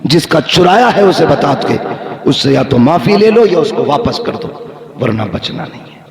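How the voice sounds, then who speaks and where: High-voiced man preaching over echoing loudspeakers. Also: big pitch swings, normal speed. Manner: chanting a genealogy in a raised, sing-song cadence; exhorting, urging the crowd to respond loudly. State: tired. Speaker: Islamic preacher. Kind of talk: sermon at an outdoor religious gathering. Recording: echoey public address with crowd.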